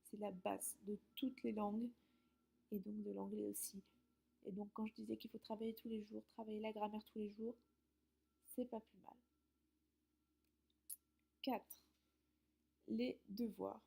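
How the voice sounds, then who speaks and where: A woman English teacher explains study tips to her students in a friendly way, pausing now and then. Her voice is mellow and husky, with a gravelly edge. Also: medium pitch, flat delivery. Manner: friendly, explanatory, some hesitations. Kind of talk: giving study tips to camera.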